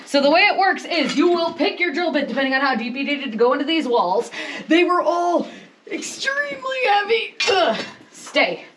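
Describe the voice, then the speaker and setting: A high-pitched woman gives a guided tour deep in an underground mine, explaining as she goes and slipping in jokes. She is caught by a visitor's camera, sometimes close and sometimes farther off, with a faint hiss behind her. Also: lively intonation, brisk, fairly bright tone. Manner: chatty, joking, explanatory patter. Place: underground coal mine tunnel.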